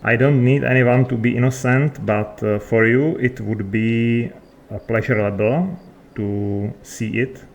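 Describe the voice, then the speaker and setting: A man whose first language isn't English speaks with a non-native accent in a mid-range, fairly even voice, a little slow. As a game player, he chats unscripted in character within a video game, hesitating and searching for words, over slight background noise.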